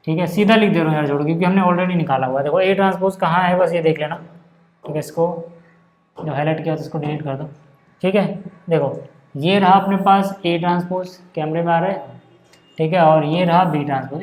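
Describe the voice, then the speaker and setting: Chatty high-voiced man teaching maths. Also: a little mellow. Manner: chatty, keeps checking in with the class. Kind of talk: casual classroom lesson. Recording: roomy echo.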